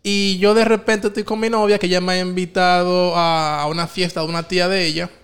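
A man telling a story in casual chat, slangy and relaxed, acting out what he said. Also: high voice, a little fast, smooth. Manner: relaxed, slangy, acts out his own quotes.

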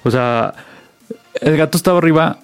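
A man's voice: on the high side, moderate pace, clear, resonant tone, dry recording. A Mexican man hosting a casual news roundup, chatty and full of fillers. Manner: chatty, many fillers and restarts. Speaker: host.

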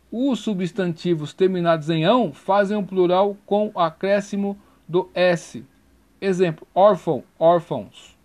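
A man's voice: sits high, a little mellow. A man teaching a grammar lesson, spelling out letters and repeating each rule.

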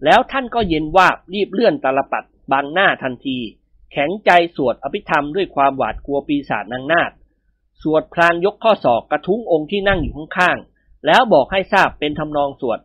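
A man narrates a story in an animated, expressive way. His voice sits high and husky. The recording is dry and slightly muffled. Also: a little fast, no room sound. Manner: lively, expressive.

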